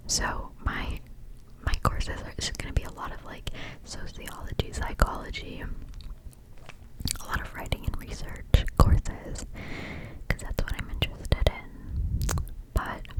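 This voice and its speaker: A young adult woman whispering softly and breathily right into the listener's ears, chatting casually and confidingly in an ASMR style. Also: rough recording. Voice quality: soft, breathy, unvoiced whisper. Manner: informal, rambling, confiding. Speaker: ASMR creator. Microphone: close-up ear-to-ear stereo microphone.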